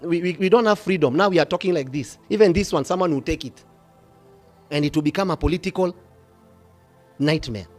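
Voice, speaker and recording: A middle-aged bishop with a Kenyan accent, preaching passionately, swinging from hushed asides to loud rebukes. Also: male voice, on the high side, a little fast, long pauses, faint music behind. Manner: passionate, switching between whispers and shouting. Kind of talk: fiery sermon.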